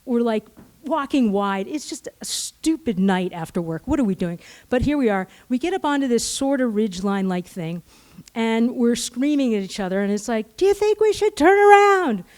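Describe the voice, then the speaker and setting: Middle-aged woman on stage telling a story on herself, acts out the voices, kinda high voice. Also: moderate pace. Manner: animated, self-mocking, acts out the dialogue. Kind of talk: personal story told live on stage.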